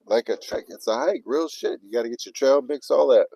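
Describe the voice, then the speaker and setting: A man's voice: mid-range voice, a little fast, creaky, no echo, rough recording. A man telling a story casually on a livestream, swearing often and acting out his own panicked self-talk. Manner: animated, profane, retelling with quoted self-talk. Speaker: livestream vlogger.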